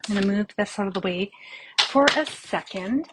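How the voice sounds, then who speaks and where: In a very noisy recording, a Canadian woman talks at normal speed in a mid-range voice. Slightly out of breath, she leads a casual, rambling live papercraft session from her home craft room and greets viewers by name as she goes.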